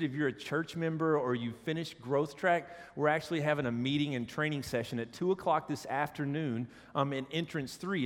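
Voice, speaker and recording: An associate pastor with a head cold preaches a casual, joking sermon in a church sanctuary, tossing asides to the audience. The cold drags his normally higher voice lower, and a long hall reverb carries his words.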